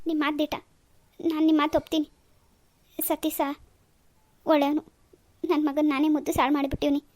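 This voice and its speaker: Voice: sits high, level tone, moderate pace, a little mellow, dry recording, natural voice. A voice actor playing a remorseful old mother-in-law in a cartoon, apologizing. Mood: humble. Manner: pleading, apologetic. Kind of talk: cartoon dub.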